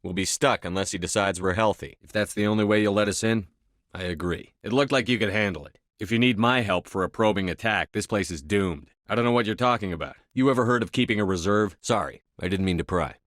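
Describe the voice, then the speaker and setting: A man's voice: on the low side, fast talker, fairly bright tone, dry recording, clean studio sound, lightly acted. A man playing a tough military space commander in a video game, speaking in a terse, firm, authoritative way. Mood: firm, probing. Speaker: video game lead voice actor. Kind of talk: scripted game dialogue.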